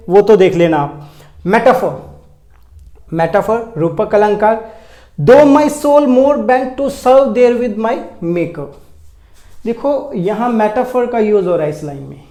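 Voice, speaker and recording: A man's voice: high voice, warm tone, reverberant. A man, giving a step-by-step exam-prep lecture on poetry. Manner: explains step by step, says "ठीक है" often. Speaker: English literature teacher.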